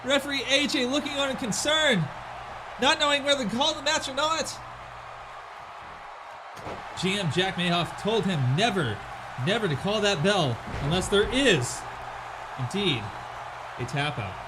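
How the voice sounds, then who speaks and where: A man calling a pro wrestling match as an excited play-by-play commentator, dramatic and exclamatory, often throwing out rhetorical questions. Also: high-pitched, a little slow, long pauses, noisy background.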